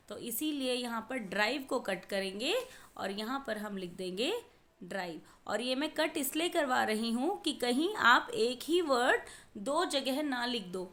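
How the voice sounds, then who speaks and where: A woman teaching a worksheet lesson to young children, gently instructive, slowly sounding out letters and blends. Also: a little high.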